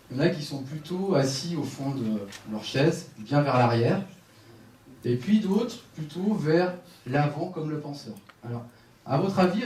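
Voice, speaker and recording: Lively man speaking at a conference. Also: fairly high pitch, recorded from a distance. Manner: lively, directive, joking with the audience. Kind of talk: live conference talk with audience exercises. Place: conference room with seated audience. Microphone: headset mic. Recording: echoey room, speaker off-mic at times.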